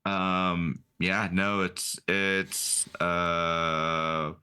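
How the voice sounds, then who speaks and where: A male player in a tabletop game, with a very low voice that still sounds bright and forceful. His speech is crisp and clear, full of hesitant fillers and restarts. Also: little pitch movement, very slow. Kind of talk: casual tabletop play.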